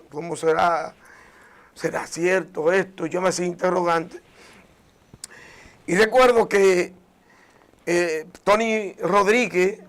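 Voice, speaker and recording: A man sharing a personal faith testimony, earnest and emotional, often restarting and dropping to a softer voice. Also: sits high. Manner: earnest and emotional, with many restarts and soft drops in volume.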